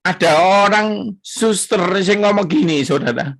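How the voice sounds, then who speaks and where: A man, a pastor giving an emotional sermon testimony at a church prayer service, speaking slowly with long pauses. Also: high voice, creaky, fairly bright tone. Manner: slow, emotional storytelling with drawn-out pauses.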